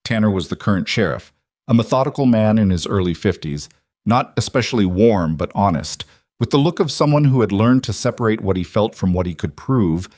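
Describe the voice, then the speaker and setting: Male narrator for a frontier story, unhurried and even, deep and dry. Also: no echo. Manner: steady, unhurried. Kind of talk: scripted western story narration.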